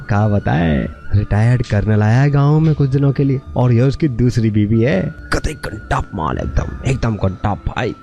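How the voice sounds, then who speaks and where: A man's voice: medium pitch, lively intonation, moderate pace, gravelly, hardly any pauses, dark tone. A man voicing an eager, gossiping young village friend and sidekick. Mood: gossipy. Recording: dull lo-fi with faint music.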